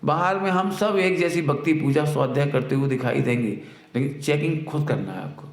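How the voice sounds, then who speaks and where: A man with a slightly high voice gives a devotional talk in a large echoey hall. He teaches through homely examples and repeats his main points. Now and then he acts out a scolding mother in a louder voice. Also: a little fast. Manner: explains with everyday examples, repeats key lines. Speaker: spiritual teacher. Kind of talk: devotional discourse. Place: spiritual retreat centre hall.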